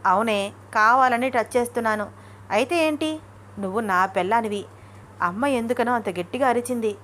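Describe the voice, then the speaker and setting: A woman's voice: a little high, normal speed, fairly bright tone, slight background noise, lightly acted. A woman voicing a teasing young husband. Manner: playful, teasing.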